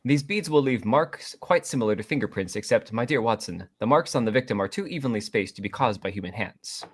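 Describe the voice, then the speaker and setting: A man reading the part of an android detective playing Sherlock Holmes at a live script table read, with a measured, explanatory delivery. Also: mid-range voice, animated, slightly rough. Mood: explaining.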